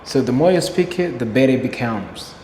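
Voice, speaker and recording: This time the Burundian guest, a native Kirundi speaker learning English, sounds animated and fairly quick, with a mid-range voice and a dark tone. Faint music plays behind him as he answers earnestly and repeats key phrases, recorded in a reverberant room with faint noise.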